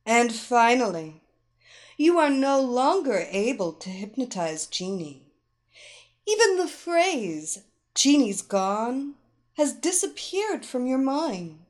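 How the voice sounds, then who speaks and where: Brief: a woman playing a dominant woman hypnotist, firm and unhurried, audio story. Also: a little high, very animated, a little mellow, voice pushed up. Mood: commanding. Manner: slow, firm, commanding.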